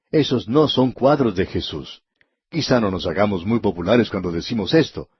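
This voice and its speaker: A man giving a radio Bible teaching, speaking straight to the listener and reading scripture slowly and deliberately. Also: lowish voice, breathy edge, no echo, highs cut off.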